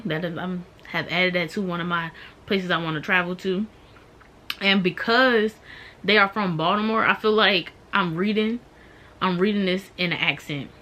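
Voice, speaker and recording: A woman's voice: medium pitch, bright, forceful tone. Chatty woman reviewing a book. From Maryland, USA. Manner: chatty, many "um" and "like" fillers. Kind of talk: casual book review vlog.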